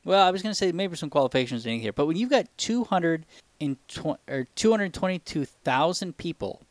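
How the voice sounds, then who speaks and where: A man hosting a casual podcast chat, rambling with frequent restarts and easy laughter, with a somewhat squeaky voice. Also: lively intonation, brisk, no echo. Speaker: podcast host.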